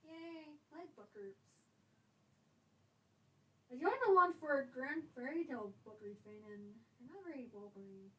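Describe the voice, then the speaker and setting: High-voiced giggly woman. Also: expressive, a little slow, long pauses, a bit bright, poor audio. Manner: giggly, mischievous, reads out chat comments. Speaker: co-host of a writing livestream. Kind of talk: casual chat.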